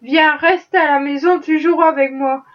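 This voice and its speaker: A woman reading a novel aloud, voicing an ironic wealthy gentleman who is a worldly skeptic, with a dry, mocking manner. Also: high voice, fairly even intonation, normal speed, recorded from a distance, highs cut off, natural voice. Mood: wry. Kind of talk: audiobook reading.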